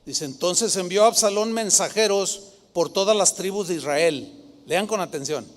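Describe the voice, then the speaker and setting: A man preaching a Sunday sermon as pastor, dramatic, with sugary impressions of flatterers. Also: high voice, moderate pace, in a large hall.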